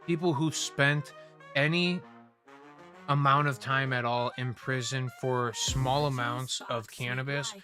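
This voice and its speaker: A man's voice: mid-range voice, fairly even intonation, slow, bright, forceful tone, faint music behind. A man hosting a livestream, telling a rambling story casually, swearing freely and talking to viewers by name. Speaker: livestream host.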